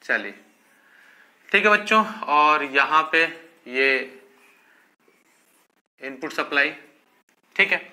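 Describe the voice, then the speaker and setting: A man's voice: on the high side, expressive, slow, long pauses, sharp tone. A male physics teacher giving a classroom lecture, calling his students children and asking questions he then answers himself, with frequent repeated okays. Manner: addresses students as children, frequent fillers like okay.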